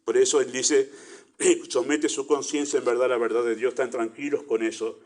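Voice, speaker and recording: A man's voice: mid-range voice, level tone, normal speed, darkish tone. A man with a Rioplatense Spanish accent preaching a sermon in church, conversational, with little acted asides. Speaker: pastor.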